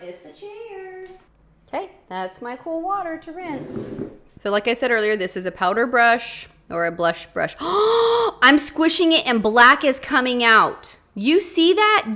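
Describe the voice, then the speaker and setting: Bright-voiced chatty woman vlogging. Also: a little high. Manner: chatty, animated, dramatic exclamations. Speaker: beauty vlogger. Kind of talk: casual demonstration vlog.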